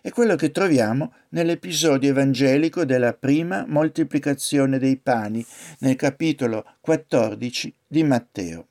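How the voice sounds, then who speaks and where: A male preacher delivers a sermon and then a prayer in a solemn, unhurried way. His voice sits in an ordinary middle register. Every phrase is measured and deliberate. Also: mid-range voice, darkish tone.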